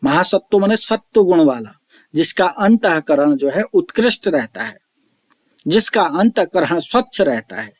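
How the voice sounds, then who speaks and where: A man teaching an online lecture, slowly explaining each term and repeating it, reciting verse lines drawn out. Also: fairly high pitch, animated, dry recording, clean studio sound. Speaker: Sanskrit teacher.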